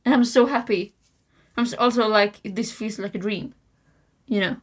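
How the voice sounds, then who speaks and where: A young woman co-hosting a casual podcast, giggly and excitable, quick to agree. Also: mid-range voice. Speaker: podcast co-host. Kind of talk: casual chat.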